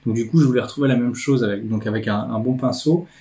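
A man with a medium-pitched, dark-toned voice talks fast, explaining things casually to the camera as a vlog host and animator. He's indoors in a living room with a desk, and guitar music plays behind his voice.

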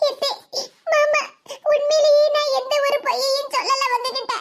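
A performer doing a young cartoon daughter-in-law, Tirunelveli Tamil accent, squeaky high voice, pleading, nervous laughs. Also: level tone, moderate pace, fairly bright tone. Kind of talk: cartoon voice acting.

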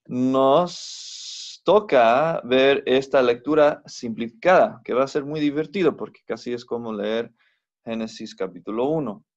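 A man teaching a recorded language lesson, slow and patient, repeating each word so it can be pronounced. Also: medium pitch, muffled recording. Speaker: biblical Hebrew teacher.

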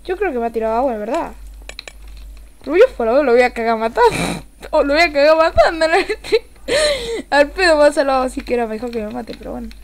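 A young woman with an Argentine accent doing live gameplay commentary as a streamer, excitable, swearing casually and swinging from low mutters to sudden yelling. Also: fairly quick. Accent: Argentine Spanish.

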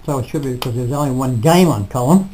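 A man's voice: mid-range voice, a little mellow, soft background music, low-quality recording. Rambling older man. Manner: rambling, halting, self-correcting. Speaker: football reviewer. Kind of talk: casual post-match review. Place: small indoor room. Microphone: webcam at close range.

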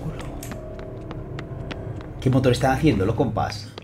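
A man with a Spain Spanish accent giving chatty, excitable live gameplay commentary, swearing and thanking his viewers. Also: medium pitch, unhurried, background noise. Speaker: gaming streamer.

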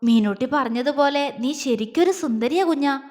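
A woman voicing a tender young husband who speaks softly, stammering and halting. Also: sits high, in a large hall, natural voice. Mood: trembling tender.

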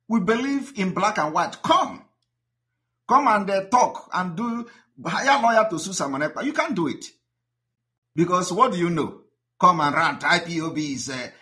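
Combative Nigerian man, lively, bright voice. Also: sits high. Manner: combative, mocking, repetitive rhetorical questions. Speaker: activist broadcaster. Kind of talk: impassioned monologue.

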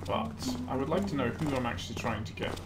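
A man's voice: medium pitch, fast. A man giving casual, hesitant gameplay commentary as a let's play host, thinking aloud. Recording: voice over loud game ambience noise.

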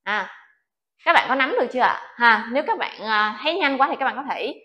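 A woman's voice: a little high, lively intonation, a little fast, pushed and bright, highs cut off. A woman teaching an online Japanese alphabet lesson, patient and coaxing, often checking that her students follow. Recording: echoey room.

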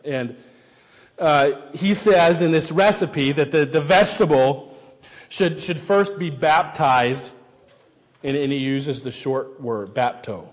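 A man's voice: a little high, slow. A man pastor giving a teaching sermon, explaining patiently and often repeating words as he restarts. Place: church sanctuary. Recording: long church hall reverb.

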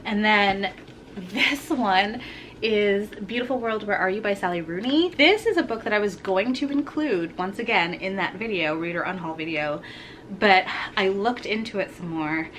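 A young woman, a book vlogger, chats frankly in a home room about books she's giving away in a casual unhaul. Her medium-pitched voice has a fairly bright tone, though she sounds a little congested with a slightly sore throat. There's slight background noise.

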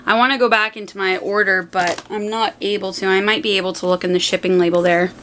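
A Canadian woman in her twenties chatting casually in an unboxing vlog, keeping her voice fairly quiet at night in a room at home. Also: mid-range voice, steady tone, quick pace. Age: 20s. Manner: keeping fairly quiet at night while someone sleeps nearby. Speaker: vlogger. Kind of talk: casual unboxing and review chat. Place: small home room, indoors. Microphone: camera mic a short distance away. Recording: home camera recording with faint background noise.

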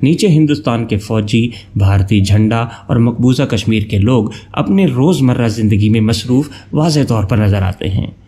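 A man from Pakistan, giving a steady, informative travel-guide voice-over that lists places one by one. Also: medium pitch, normal speed, few pauses. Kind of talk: scripted travel narration.

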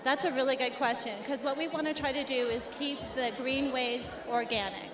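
In this expo interview, a middle-aged company representative talks at normal speed in a high-pitched voice with fairly even intonation, earnestly explaining her work with many restarts. The interviewer holds a handheld mic in front of a backdrop, and crowd noise echoes through the indoor hall.

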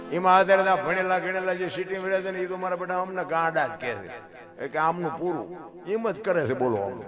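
A middle-aged man with a Kathiawadi Gujarati accent telling folk stories and moral sayings in a folksy manner. He calls his listeners "bapu" and now and then bursts into high, loud exclamations. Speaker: folk storyteller. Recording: musical accompaniment playing behind the voice.

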